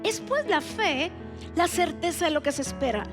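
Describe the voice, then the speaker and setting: A woman's voice: very high-pitched, animated, normal speed. A woman pastor preaching in a church, emphatic and asking the congregation many direct questions. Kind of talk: sermon. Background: soft keyboard music.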